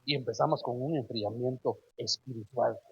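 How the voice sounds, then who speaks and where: A man's voice: medium pitch, normal speed, slightly rough, lo-fi sound. A man preaching a sermon emphatically. He keeps addressing his listeners as brother and asks them rhetorical questions.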